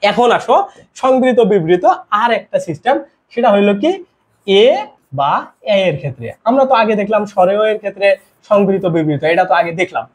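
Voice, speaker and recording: A man's voice: high voice, a little fast, breathy edge. A young man tutoring students for an admission test in an online grammar lesson, explaining step by step and often asking if they follow. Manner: lively explaining with constant check-in questions.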